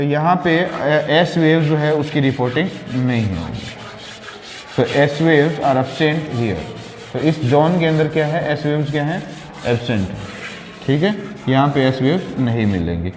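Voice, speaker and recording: Slow-talking teacher in an echoey room. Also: male voice, on the high side, darkish tone. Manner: mixes Hindi and English, asks and answers his own questions; frequent fillers, "thik hai" checks. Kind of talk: classroom geography lesson with diagrams. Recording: roomy classroom reverb with faint noise.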